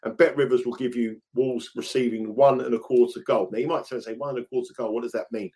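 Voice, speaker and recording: Brief: London bloke, middle-aged football tipster on a betting podcast, chatty, laughs easily, mid-range voice. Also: male voice, mid-range voice, fast. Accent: London English. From England. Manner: laughs through stories, repeats himself when excited. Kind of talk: casual podcast chat.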